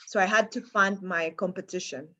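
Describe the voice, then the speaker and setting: A woman's voice: mid-range voice, fairly even intonation, moderate pace, pushed and bright, highs cut off. A woman from Kenya with a Kenyan accent, talking casually and chattily as an athlete being interviewed, often repeating phrases for emphasis.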